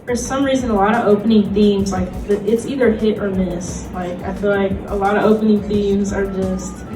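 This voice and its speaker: A woman gives a casual panel presentation, speaking loosely and conversationally, full of "like" and small laughs. Her voice is medium-pitched with fairly even intonation and a moderate pace. The mic is distant and roomy, with loud music behind her.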